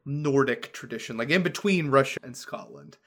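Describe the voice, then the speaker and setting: A man co-hosts a casual tabletop-gaming podcast, talking enthusiastically with many fillers and frequent restarts. His mid-range voice is lively in intonation, a bit bright, and runs at normal speed.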